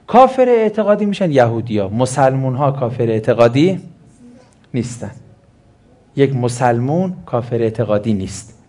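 A man with a slightly higher than usual voice teaching a lesson on Quranic exegesis. He explains step by step and often poses a question before answering it himself. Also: darkish tone.

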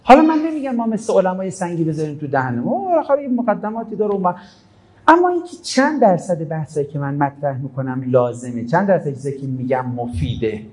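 A man's voice: on the high side, sing-song, darkish tone, low-quality recording. Conversational man giving a religious talk. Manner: conversational storytelling, quoting scripture. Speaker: preacher.

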